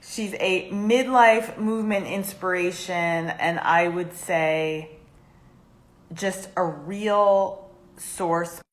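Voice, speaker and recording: A woman's voice: lowish voice, very slow, low-quality recording. Upbeat woman hosting a livestream interview. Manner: upbeat, effusive introductions. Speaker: host, community manager. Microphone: video call.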